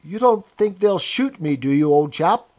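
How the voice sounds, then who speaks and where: A man acting out a nervous, servile prisoner in an audiobook. His pitch rides high and swoops about as he eagerly pleads his case, chummy and piously self-abasing. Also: lively intonation, moderate pace, a little mellow. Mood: frightened pleading. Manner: pleading, chummy, sanctimonious, chatty old-fashioned British idiom.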